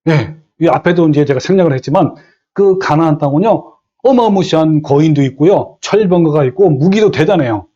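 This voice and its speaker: Korean pastor preaching, muffled dull sound. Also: male voice, on the high side, a little fast. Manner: animated preaching, acting out quoted speech, asking the congregation questions. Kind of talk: sermon.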